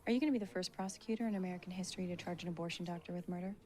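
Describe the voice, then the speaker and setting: An actress playing a pushy, cheeky young blogger-reporter in a naturalistic TV drama. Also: female voice, fairly low pitch, rapid-fire, dark tone, lightly acted. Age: young adult. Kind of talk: naturalistic film acting.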